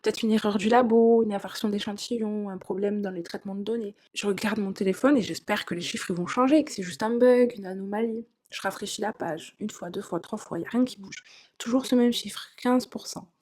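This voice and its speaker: A woman's voice: mid-range voice, a little fast, few pauses, dark tone. A young woman telling a personal story in the first person, in a casual, chatty way, with fillers and asides to the listener.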